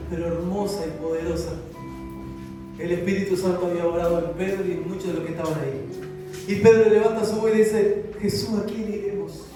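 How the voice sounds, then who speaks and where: A man preaching a sermon as pastor, reading scripture aloud and acting out its quotes with fervor. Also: extremely high pitch. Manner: fervent preaching, voicing scripture quotes dramatically. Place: church hall. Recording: echoey hall, voice from a distance, music behind. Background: music.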